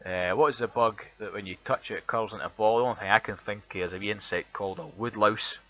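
Scottish man with an Edinburgh accent, lowish bright voice, chatty vlogger who swears freely, muffled home recording. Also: fairly even intonation, quick pace. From Scotland. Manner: chatty, swears freely, reads a word list. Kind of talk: casual accent tag vlog.

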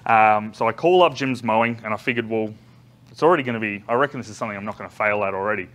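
Racing along in a voice on the low side, this loud Australian business trainer chats and tells stories with lots of ums and restarts. It's a live talk to a seated crowd in a large indoor conference room, recorded from a far camera with no mic in view.

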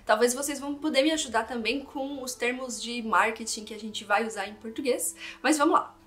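A woman's voice: a little high, a little fast, a bit bright. A woman teaching a casual language lesson, explaining song lyrics and thinking aloud as she goes. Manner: chatty, thinks aloud, switches between reading French lines and explaining.

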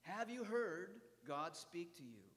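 A man preaching a sermon as pastor, swinging from loud cries to hushed whispers and asking the congregation direct questions. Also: high-pitched, sing-song, takes it slowly, in a large hall. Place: church sanctuary.

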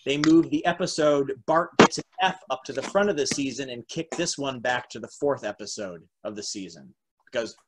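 On a noisy, clicky video call, a man in his forties from America hosts a home table read, narrating the stage directions and sharing trivia. His pitch is medium and he talks a little fast, captured by a computer at arm's length.

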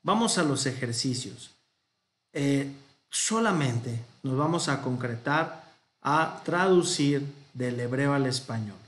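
Slow, patient Mexican teacher in echoey room. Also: male voice, medium pitch, lively intonation, a bit bright. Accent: Mexican Spanish. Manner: patient, thinks aloud, corrects himself mid-sentence. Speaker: Hebrew teacher. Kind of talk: slow classroom explanation.

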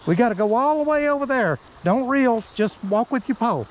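Encouraging fishing guide by a creek. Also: male voice, very high voice, lively intonation, a little fast, slight background noise, low-quality recording. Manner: encouraging, gives short repeated instructions. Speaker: fishing bait company host. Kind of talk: outdoor fishing vlog coaching. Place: outdoors by a creek. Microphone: body-worn action camera. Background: running stream water.

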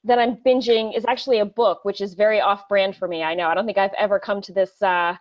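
A woman co-hosting a podcast in casual chat over a video call with earbuds, upbeat and quick with asides. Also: medium pitch, steady tone. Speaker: podcast co-host. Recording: dull lo-fi video call audio.

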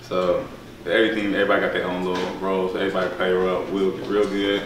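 A barber student with a low voice and a very flat tone, speaking loose and relaxed. The camera sits back in an echoey, noisy room. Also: male voice, quick pace, far from the mic. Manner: laid-back, casual slang. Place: indoor school room.

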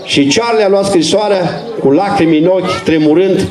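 A male street evangelist preaches an earnest, urgent open-air sermon. His voice sits high. The recording has a noticeable echo. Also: a little mellow.

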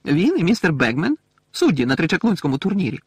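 A man's voice: a little high, sing-song, fast, slightly rough, no echo, pitched above the performer's own voice, heavily acted. A man voicing a firm, clever teenage schoolgirl in an audiobook. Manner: firm, reassuring.

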